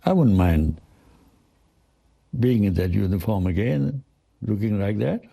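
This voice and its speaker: A very old man of over a hundred from British India, with a gravelly, husky voice, reminiscing haltingly in an interview. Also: fairly low pitch, lively intonation, warm tone. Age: 104. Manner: halting, with repeated words. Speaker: Second World War veteran interviewee.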